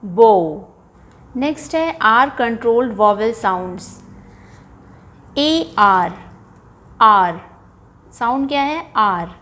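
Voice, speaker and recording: A woman with an Indian accent, teaching a phonics lesson for children, saying each example word slowly and clearly. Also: on the high side, expressive, fairly bright tone. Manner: slow, clear word-by-word modeling of sounds.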